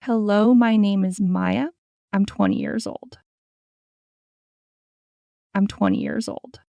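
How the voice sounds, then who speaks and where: A woman voicing a slow young dreamer. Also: mid-range voice, fairly even intonation, mellow, no echo, studio quality. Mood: calm. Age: 20s. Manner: slow, clear, each sentence said twice. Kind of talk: scripted story for repeat-after practice.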